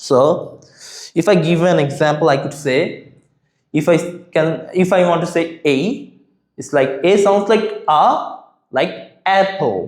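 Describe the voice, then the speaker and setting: Phonics teacher, male, high voice, echoey room, slow drilling delivery. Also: a little mellow. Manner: slow, drilled repetition of each sound. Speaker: English teacher. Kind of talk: phonics lesson, repeating letter sounds.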